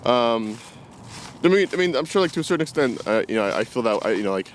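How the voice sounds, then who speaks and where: Out walking in the woods, a man in his 20s speaks unscripted to the camera he's carrying, casual and reflective, rambling and hesitating. His medium-pitched voice is very animated and fast, with slight background noise.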